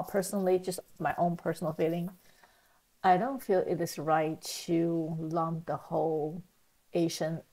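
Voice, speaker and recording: Low-voiced woman, halting and reflective. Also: dark tone, low-quality recording. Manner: halting, reflective, with repeated rephrasing. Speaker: reaction video host. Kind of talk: casual reaction commentary.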